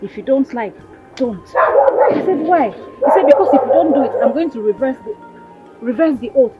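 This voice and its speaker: A woman's voice: high-pitched, lively intonation. An actress playing a frantic, angry young village woman, stammering as she vents. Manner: agitated, talks fast, stammers. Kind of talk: Nollywood film acting. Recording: dull film audio under music. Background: film score.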